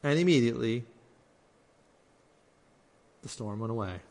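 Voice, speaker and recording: A man's voice: mid-range voice, lively intonation, unhurried, darkish tone, long reverb tail. A man preaching a sermon in an earnest way, acting out the lines he quotes and often restarting his words. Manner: earnest, acts out quoted speech, many restarts.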